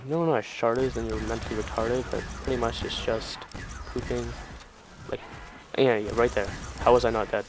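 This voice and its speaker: Rambling young guy over game gunfire. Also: medium pitch. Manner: rambling, chatty, swears casually. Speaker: gamer. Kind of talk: casual gameplay commentary. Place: home, at night. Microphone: desk or headset mic. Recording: game gunfire noise loud underneath. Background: video game gunfire and ambience.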